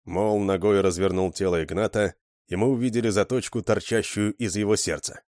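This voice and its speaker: A man narrating an adventure audiobook in a steady storytelling manner. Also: lowish voice, a little fast, dry recording, clean studio sound. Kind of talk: scripted narration.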